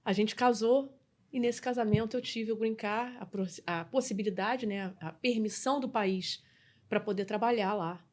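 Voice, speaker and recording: A middle-aged woman from Brazil, a customer experience mentor, telling her story as a podcast guest in an animated way, often restarting phrases and adding tag questions. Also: medium pitch, moderate pace. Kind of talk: conversational interview storytelling.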